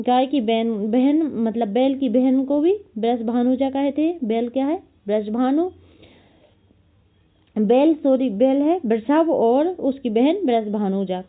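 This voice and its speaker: Woman, grammar teacher, fairly high voice, very slow deliberate delivery, repeats points, tinny phone-like sound. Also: lively intonation. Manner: slow, repeats definitions and examples, self-corrects. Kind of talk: exam-prep lesson.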